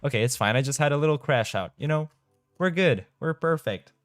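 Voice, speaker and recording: A young Romanian game streamer, slightly high-voiced and animated, talks a little fast with his live-stream audience while playing, reading chat aloud and tripping over words now and then. His Romanian accent comes through in clean studio sound with no room sound and faint music behind.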